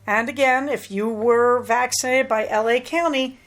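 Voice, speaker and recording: A middle-aged podcast host from the United States talks on her own in a chatty, rambling way with plenty of asides. Her voice is a little high, her tone steady, and her pace moderate, fitting a casual solo chat.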